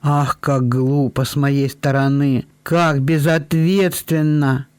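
A high, eager young woman, flustered and quick to apologize, in a storybook reading, put on by a male narrator. Her voice lifts well above the narrator's own and sits close and dry on the mic. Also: little pitch movement, a little mellow, clean tone, no room sound. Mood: flustered, apologetic.

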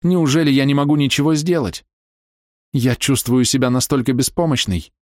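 A man's voice: mid-range voice, normal speed, a little mellow, dry recording, studio quality, voice pushed up, close to an everyday voice. A man voicing a lonely, self-doubting woman of forty who pleads tearfully in an audiobook reading. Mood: pleading.

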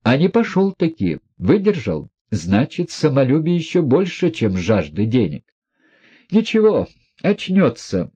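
A man reading an audiobook, voicing a proud, defiant young woman who gives commands in loud exclamations. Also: mid-range voice, huge pitch swings, unhurried, husky, voice pushed up, heavily acted. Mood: imperious.

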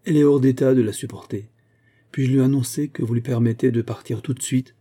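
A man's voice: medium pitch, steady tone, a little fast, dark tone, natural voice. A man voicing a proud, defiant young schoolgirl who speaks in a haughty, insistent way.

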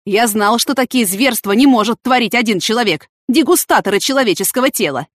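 Woman putting on a rude yelling lieutenant, jeers and accuses, dry close voice. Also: fairly high pitch, expressive, brisk, no echo, voice pushed up. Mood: mocking, shouting. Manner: loud, mocking, accusing. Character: shouting brutish male police lieutenant.

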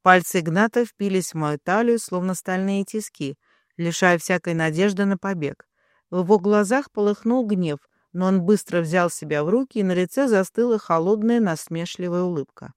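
A woman reading a first-person romance novel aloud in an even, measured manner. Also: lowish voice, clean tone, no room sound, studio quality. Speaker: audiobook narrator.

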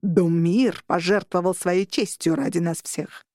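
A man's voice: sits high, fairly even intonation, measured pace, dark tone, dry recording, studio quality. Insistent scheming vampire lord, voiced by a woman narrator, near her own voice. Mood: calm. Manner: insistent, pleading.

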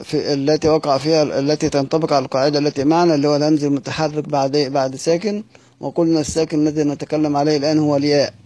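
With an Egyptian Arabic accent and a warm, higher-than-average voice, a male teacher of Quranic readings runs a recitation class. He repeats questions for his students and elongates words as he recites, with no echo in the recording.

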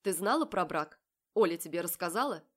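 A cold, commanding young man in an audiobook, as a woman reader puts him on. His lines come curt and mocking, pressing and accusing. The voice sits slightly low. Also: animated, fairly quick. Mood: menacing. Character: cold self-assured predatory young man. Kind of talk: audiobook character voice.

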